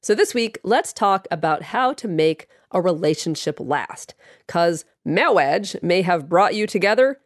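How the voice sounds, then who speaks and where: A woman's voice: mid-range voice, dry recording. A woman presents a scripted advice podcast in a froggy voice, congested from a cold. Her phrasing is chatty and lightly playful. The sound is close and dry. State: getting over a cold, froggy voice. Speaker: podcast host, psychologist.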